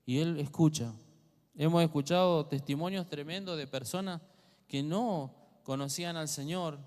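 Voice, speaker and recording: Argentine man preaching a sermon. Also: a little high. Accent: Argentine Spanish. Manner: teaching, asks the congregation questions. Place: church hall. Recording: long hall reverb.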